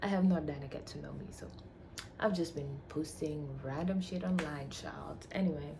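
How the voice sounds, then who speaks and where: A young woman from Tanzania vlogs to camera in a shared room at home, chatting playfully about herself in a casual get-to-know-me talk. Her voice is deep and her speed normal, and she sometimes dips into whispery murmurs. The home recording is noisy, with roommates and household sounds behind her.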